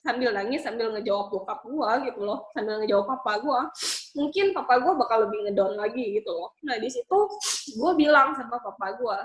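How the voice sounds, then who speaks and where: A woman's voice: fairly high pitch, animated, brisk, echoey room, muffled recording. A woman in her twenties from Bangka, Indonesia, telling her life story with emotion and many fillers. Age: 20s. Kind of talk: personal testimony talk.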